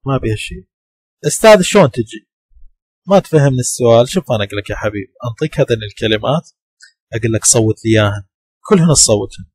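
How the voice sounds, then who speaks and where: A man's voice: medium pitch, animated, rapid-fire, darkish tone, breathy edge, no room sound. Iraqi man teaching English sounds, dry close mic. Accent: Iraqi Arabic. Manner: patient, explaining and repeating sounds. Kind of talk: classroom lecture.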